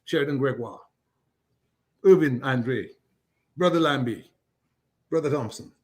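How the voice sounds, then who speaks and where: At a medium pitch and a slightly slow pace, an older man from Dominica holds forth as a guest on a political talk show. His commentary is fiery and built on heaped-up, repetitive rhetorical lists.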